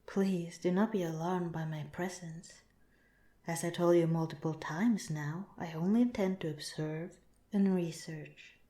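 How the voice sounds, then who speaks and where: A woman plays a calm, clinical alien researcher reassuring a captive human, in the style of an ASMR roleplay. Her lowish, very mellow voice stays soft, measured, and politely detached, with a reassuring, formal mood and light acting. The sound is quite roomy and echoing.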